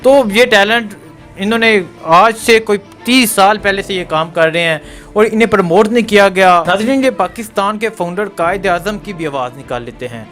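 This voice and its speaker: Higher-voiced guy interviewing and talking to viewers, upbeat, faint music behind. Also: a bit bright. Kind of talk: presenting to viewers.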